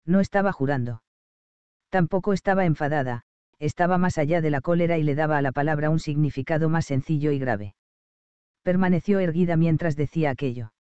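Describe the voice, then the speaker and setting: A man narrating an audiobook in a measured, expressive storytelling manner. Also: a little high, clean tone, no echo, muffled recording.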